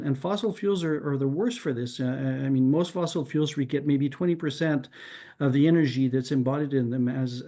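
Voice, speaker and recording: Among those in a casual group discussion is a Canadian man, originally a French speaker, with a soft, low voice. His habit is to puzzle things out aloud, begin again and again, and tack "right?" onto the end of his points.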